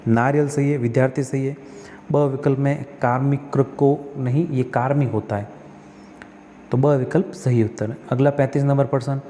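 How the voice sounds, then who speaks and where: A man's voice: medium pitch, warm tone, long reverb tail, a little hiss or hum. A male tutor walks through exam practice questions, reading each one, correcting the spellings step by step and asking himself questions that he answers.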